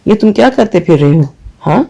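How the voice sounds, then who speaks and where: A man voicing an angry young friend who scolds loudly. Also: high-pitched.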